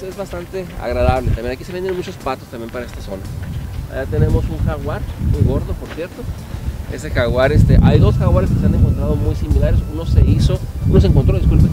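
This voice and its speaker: A middle-aged man, a museum guide telling old legends in an animated, storytelling way, putting questions to the audience. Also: on the high side. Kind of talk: storytelling tour explanation. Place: outdoor park museum among statues. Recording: outdoor background noise.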